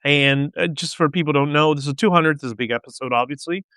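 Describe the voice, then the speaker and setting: A man with a smooth, resonant voice hosts his own livestream, drifting from thought to thought in a loose, casual monologue. The sound is dry and close, with no room echo. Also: fairly high pitch, fast talker, pushed and bright. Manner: rambling, digressive, with many restarts. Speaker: podcast host.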